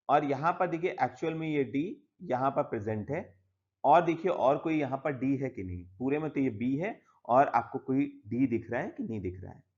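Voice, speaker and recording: Man teaching a textbook lesson, mixing Hindi and English. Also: medium pitch. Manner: explains step by step, often saying "yahan pe" and "theek hai"; mixes Hindi with English words. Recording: slightly dull lo-fi audio.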